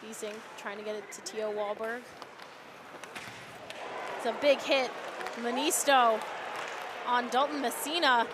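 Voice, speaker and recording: A woman announcer giving rapid, excitable hockey play-by-play as the action moves. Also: on the high side, over a noisy crowd. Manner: excitable, voice jumps on shots and goals. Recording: live arena noise behind. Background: hockey arena ambience.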